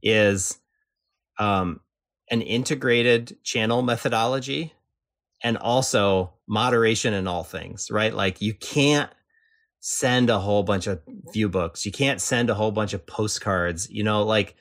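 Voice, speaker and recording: A man's voice: on the low side, measured pace, a bit bright. A man talking casually as a podcast guest, rambling with lots of fillers and restarts. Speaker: podcast guest, enrollment strategist. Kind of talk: casual conversational chat.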